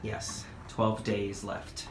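A man narrating a handheld walkthrough of a store elevator, slow and enthusiastic, recorded on a phone indoors. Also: on the low side, completely flat delivery, loud music behind the voice. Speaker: elevator video vlogger. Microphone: phone camera held in hand.

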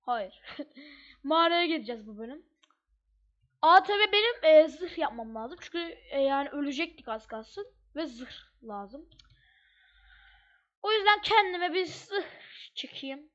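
A woman's voice: high-pitched, lively intonation, unhurried, long pauses, a bit bright. A woman giving casual, chatty gameplay commentary as she plays, thinking aloud with slangy asides. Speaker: gamer. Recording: dull lo-fi mic.

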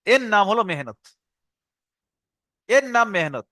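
A man's voice: sits high, sing-song, sharp tone, dry recording. A man teaching an online lesson, explaining step by step and often repeating his instructions. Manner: explanatory, repeats instructions, slows to recite verses. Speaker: Quran teacher.

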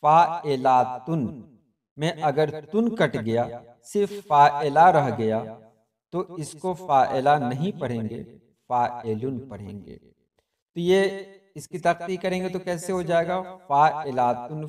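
A man's voice: fairly high pitch, expressive, takes it slowly, darkish tone, recorded from a distance. A man teaching the meter of poetry in a patient lesson, chanting each metrical foot aloud and repeating it. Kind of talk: explanatory lesson.

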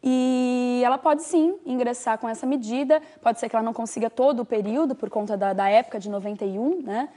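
Higher-voiced woman explaining legal advice. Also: brisk, few pauses, mellow. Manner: explanatory, patient, with frequent "né" and "é" fillers. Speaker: social security lawyer. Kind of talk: TV call-in advice answers.

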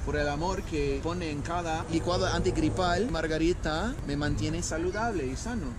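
A man's voice: on the high side, moderate pace, background noise. A man in his thirties from Georgia with an American accent, cheerfully vlogging street food outdoors, filmed on a handheld camera. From Georgia, United States. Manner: cheerful, playful, chats with vendors. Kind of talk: upbeat street-food vlog. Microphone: handheld camera at arm's length. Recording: loud background music.

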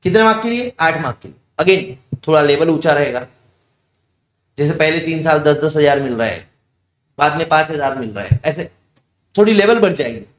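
A young man teaching with a fairly high voice. He talks to the class in a loose, chatty way and often asks a question and then answers it. The room has a lot of echo. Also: very animated, normal speed. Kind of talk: casual classroom digression. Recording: echoey room.

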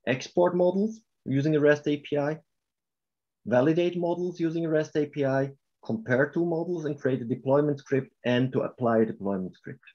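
A man with a Swiss German accent and medium pitch presents software in a webinar and fields questions, explaining haltingly and restarting his sentences. The recording is muffled.

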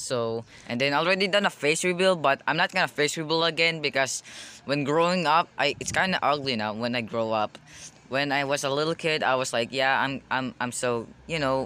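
A man's voice: a little high, bright, forceful tone, clean tone. A young man, a video creator chatting casually in a self-conscious, rambling way that often circles back on itself.

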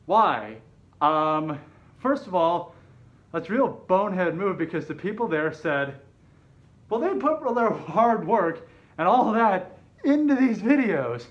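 Speaking from inside a fursuit head, a man slowly recounts something personal in a high, sing-song voice, rambling, hesitant, and frequently correcting himself. The setting is an open-plan living room with a kitchen at home. The camera mic sits a little way off, so the sound is dull and slightly muffled.

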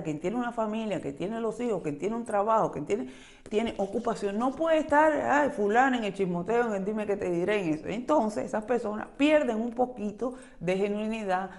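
A woman, talking casually to camera as a vlogger in a loud, lively, rambling way. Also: medium pitch. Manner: lively, talkative, rambling, quick changes of loudness; speaks very loudly by her own account. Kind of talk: casual reflective monologue to camera.

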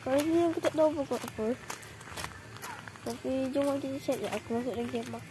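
A woman's voice: high-pitched, fast talker, noisy background. A young woman with a Malaysian Malay accent, chatting casually in a camping vlog, rambling with fillers, recorded on a phone held close outdoors. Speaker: vlogger. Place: outdoor campsite among trees. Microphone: phone held close at arm's length.

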